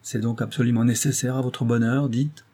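A man voicing a tipsy, boisterous young gentleman in an audiobook, loud and teasing. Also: mid-range voice, fairly even intonation, moderate pace, close to an everyday voice. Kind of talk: audiobook character voice.

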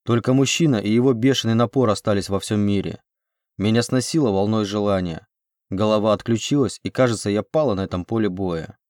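A man narrating an audiobook chapter in a measured storytelling manner. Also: fairly low pitch, a little mellow, no room sound, clean studio sound. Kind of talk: scripted narration.

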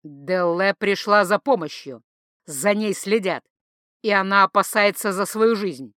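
A woman's voice: medium pitch, unhurried, fairly bright tone, dry recording, studio quality, natural voice. A woman voicing a weary male magic-police chief who speaks with barely restrained irritation. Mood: irritated.

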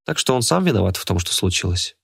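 A man's voice: deep voice, sing-song, fast talker, vocal fry, a bit bright, breathy edge, heavily acted. A man voicing a spiteful, scheming woman who charms snakes, speaking in a contemptuous, snapping manner. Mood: scornful.

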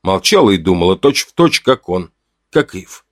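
A man narrating an audiobook in a measured, dramatic way. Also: deep voice, very animated, no room sound, clean studio sound.

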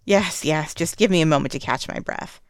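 Woman voices blunt older barkeep, storybook, low voice, dry close sound. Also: very animated, a little fast, dry recording. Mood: polite. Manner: blunt, stubborn and firm. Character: stubborn, blunt older woman tavern keeper. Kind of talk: audiobook narration of fan fiction.

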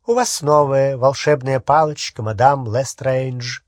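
Man voicing a slow, formal old goblin. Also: mid-range voice, fairly even intonation, no room sound, studio quality, lightly acted. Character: old male goblin bank clerk, formal.

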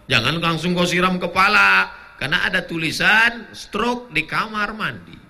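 A man preaching a humorous sermon, joking with the crowd and breaking into chanted prayers and shouts. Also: high voice, normal speed, vocal fry. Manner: animated, jokey, breaks into chanted Arabic and shouts.

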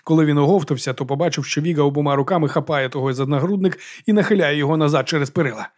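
Fast-reading man narrating a fantasy audiobook. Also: on the high side, darkish tone.

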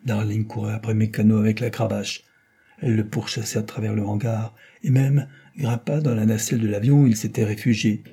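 Low, husky male audiobook narrator. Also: a little fast. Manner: steady storytelling. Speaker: audiobook reader. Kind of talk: scripted narration.

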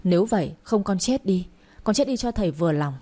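A woman's voice: medium pitch, animated, brisk, mellow, natural voice. A woman reading the part of a stubborn young man, a village doctor, insisting and pleading with his father.

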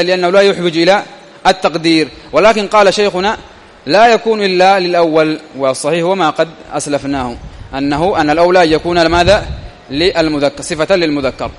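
A man from Ethiopia giving a classical grammar lesson. He reads a text aloud, explains it, and keeps asking his students rhetorical questions. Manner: reads quoted passages louder and higher than his explaining. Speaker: teacher.

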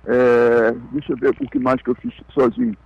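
A man who is a film director and screenwriter, telling relaxed anecdotes as a radio interview guest. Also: mid-range voice, normal speed, gravelly, no room sound, muffled recording.

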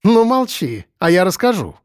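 A man's voice: sits high, very animated, moderate pace, darkish tone, no echo, studio quality, pitched above the performer's own voice. A man reading an audiobook, voicing a young woman who shrieks her accusations in hatred. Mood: furious. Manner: screeching, accusing.

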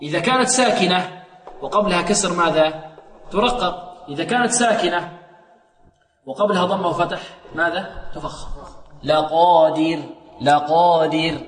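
A man teaching Quran recitation rules, quizzing his students and chanting verses slowly to show each rule. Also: high voice, lively intonation, fairly bright tone, reverberant, big-room sound. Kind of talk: tajweed lesson with sung recitation.

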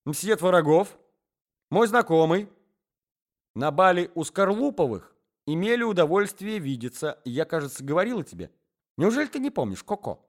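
A man voicing a flustered, flirtatious society lady who gushes in breathless, shrill exclamations. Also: sing-song, moderate pace, darkish tone. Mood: gushing.

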